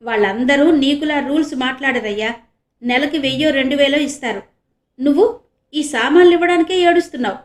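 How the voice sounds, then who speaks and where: A woman voicing bullying male police constables in a storybook reading, loud and domineering. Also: high voice, brisk, natural voice. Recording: echoey room.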